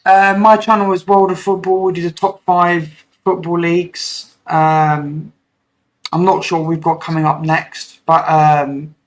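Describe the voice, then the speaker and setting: A man's voice: fairly high pitch, level tone, a little slow, a little hiss or hum, poor audio. A man guest on a football livestream, speaking in a hesitant, easygoing way with many fillers. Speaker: guest streamer. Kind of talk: casual livestream chat.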